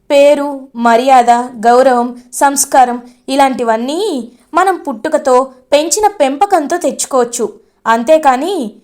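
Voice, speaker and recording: A woman voicing an angry young heroine who confronts and accuses a villain, shouting. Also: sits high. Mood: firm.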